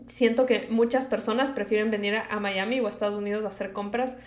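A woman's voice: mid-range voice, fairly even intonation, fast. A woman in her twenties from Ecuador with an Ecuadorian Spanish accent, hosting a casual personal podcast monologue, chatty and rambling, slipping in English words. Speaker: podcast host. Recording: echoey room.

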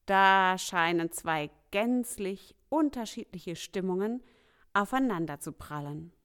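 A woman's voice: medium pitch, animated, takes it slowly, fairly bright tone, clean tone. A woman narrating a children's audio story in a friendly storytelling manner.

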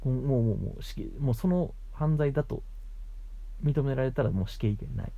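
A man with a gravelly, husky voice hosts a casual late-night chat, explaining things patiently in short, broken phrases, on a muffled recording. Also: medium pitch, lively intonation, a little fast, no room sound. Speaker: host of a bedtime radio show for a housemate.

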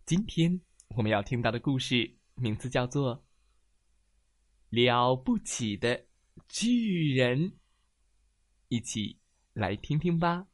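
A man tells a children's bedtime story in a gentle, unhurried voice. His delivery is slow and animated, with a very lively, sing-song pitch. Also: no room sound, studio quality.

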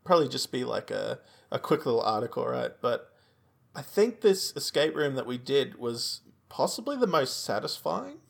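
A man's voice: medium pitch, big pitch swings, moderate pace, vocal fry. An Australian man co-hosting a podcast, chatting casually and telling anecdotes. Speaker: podcast co-host.

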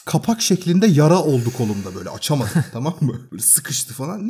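A man tells a story on a casual podcast in a slightly husky, raised voice. His pitch swings widely as he acts out each scene, with frequent swearing and laughter in his delivery. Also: mellow. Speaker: podcast co-host.

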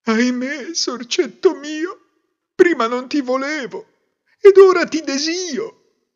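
A man's voice: extremely high pitch, a little slow, a bit bright, lo-fi sound, voice pushed up. A man voicing a young, lost princess who laments plaintively in a fairy tale. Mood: lamenting.

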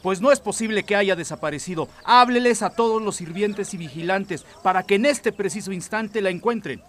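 A man's voice: sits high, brisk, a bit bright. A man playing a pompous, blustering emperor and indignant father in a children's audio story. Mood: outraged, commanding.

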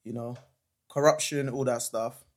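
A man's voice: medium pitch, a little slow. Chatty young man. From Nigeria. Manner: lively, chatty, peppered with slang. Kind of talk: casual chat.

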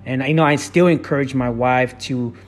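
Halting man talking faith and marriage. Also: medium pitch, steady tone, soft background music. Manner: halting, many fillers and restarts. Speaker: podcast co-host. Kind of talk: casual faith talk with his wife.

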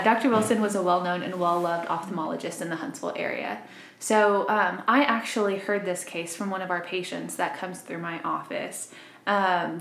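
Fairly low in pitch yet fairly bright in tone, this creaky voice belongs to a woman in her twenties who co-hosts a true crime podcast. Born in Arkansas and raised in Missouri, she keeps things loose and chatty with easy laughter, heard in a roomy, echoing space.

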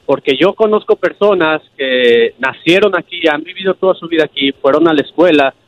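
A man's voice: a little high, fairly quick, no echo. Mexican man calling in on a dull phone line. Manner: earnest, with frequent tag questions. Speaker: caller. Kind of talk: phone-in call. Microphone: telephone.

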